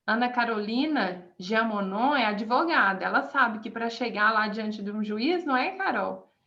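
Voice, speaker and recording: A woman's voice: on the high side, lively intonation, moderate pace, pushed and bright, highs cut off. A woman preaching informally to a small group over a video call, emphatic and asking the listeners questions.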